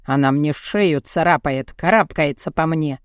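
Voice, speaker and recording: In an audiobook, a woman narrator voices a gruff, burly, bearded man who speaks low. He's brazen and lecherous, angry and demanding, delivering his character dialogue in a blunt, mocking, commanding way at a measured pace. The recording is dry and close, with no room sound.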